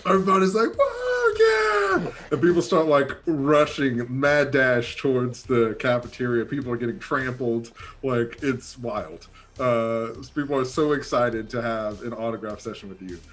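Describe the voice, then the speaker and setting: A man narrating a tabletop game as game master, casual and halting with lots of fillers. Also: mid-range voice.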